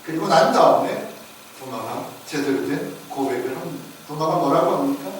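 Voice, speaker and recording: Male pastor, sermon delivery, lively questions to the pews; distant mic in a reverberant sanctuary, faint hiss. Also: fairly high pitch, moderate pace. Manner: asks the congregation questions and acts out disciples' voices. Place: church sanctuary. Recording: echoey church recording from far off, faint noise.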